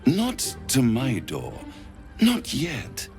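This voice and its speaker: An actor playing a scheming male devil with a slow, gravelly, scenery-chewing delivery, in a game clip with music behind. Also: mid-range voice, wildly swooping pitch, exaggerated voice. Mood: menacing.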